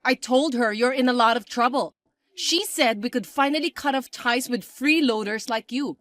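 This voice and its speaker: A woman voicing a spiteful, bossy young stepsister who talks in a shrill, mocking, shouty way. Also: normal speed, lightly acted. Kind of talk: chat-story voice acting.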